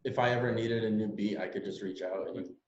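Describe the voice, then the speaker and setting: A man's voice: fairly low pitch, quick pace. A man hosting a podcast over a glitchy video call, talking casually with fillers and restarts. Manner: relaxed, with frequent fillers and restarts. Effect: choppy, glitchy video-call audio. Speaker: podcast host. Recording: dull, echoey video-call audio.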